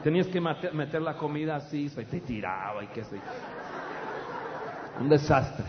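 A middle-aged man, preaching a humorous storytelling sermon in an animated, loud way with stammered restarts. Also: a little high, normal speed, crowd noise, background noise. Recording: dull, echoey hall with audience.

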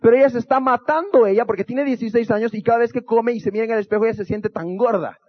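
A man's voice: very high voice, fast, muffled recording. A man from Guatemala, speaking as a youth pastor to an audience, telling stories with humor and acting out quotes. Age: adult, married. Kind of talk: motivational talk to an audience.

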